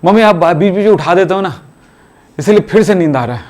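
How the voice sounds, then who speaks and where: A man's voice: high-pitched, lively intonation, quick pace, darkish tone. A man acting out a sleepy teenage boy who whines and pleads for more sleep. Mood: pleading.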